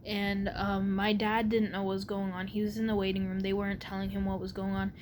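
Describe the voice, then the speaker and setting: Flat-toned young woman with stiff, muffled articulation. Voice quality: slightly muffled articulation from a barely opened mouth. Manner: rambling, halting delivery. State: sore mouth after wisdom tooth removal. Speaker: vlogger. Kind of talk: casual personal storytelling to camera. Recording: clear background noise with low rumble.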